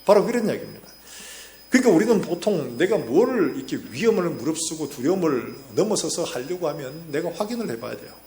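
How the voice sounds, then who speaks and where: Gravelly-voiced pastor preaching. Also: male voice, fairly high pitch, sing-song, fairly quick. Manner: storytelling with acted-out quotes, rising and falling loudness. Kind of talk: sermon. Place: church sanctuary. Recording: echoey church hall with faint hum.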